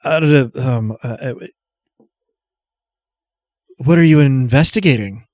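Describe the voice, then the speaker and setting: A man's voice: mid-range voice, fairly even intonation, slow, mellow, no room sound, clean studio sound. A man voicing a nervous, hesitant young man who stammers, as a character in a tabletop game. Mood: nervous, puzzled.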